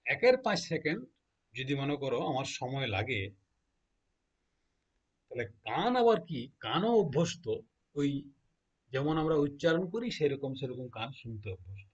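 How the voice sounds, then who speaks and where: A man's voice: mid-range voice, lively intonation, normal speed, pauses often, husky, dull audio. A man teaching a lesson, spelling words out letter by letter and answering his own questions. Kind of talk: explaining a lesson to students.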